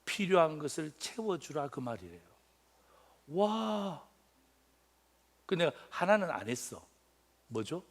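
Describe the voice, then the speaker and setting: A man in his fifties preaching a sermon with playful humor. His voice sits high and leaps about in pitch. He jumps from loud, excited exclamations to quiet, murmured asides. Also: slow, long pauses. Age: 50s. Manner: animated, joking, swings between loud exclamations and quiet asides. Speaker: pastor.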